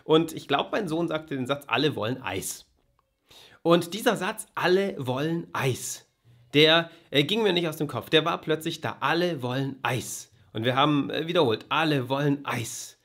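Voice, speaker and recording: A man giving a casual video lesson on writing poems, reciting lines slowly in rhythm and speaking directly to the viewer. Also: on the high side, animated, a bit bright. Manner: recites verses slowly and rhythmically, taps out stresses; addresses viewer directly, friendly. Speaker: writing coach. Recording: sound quality gets worse.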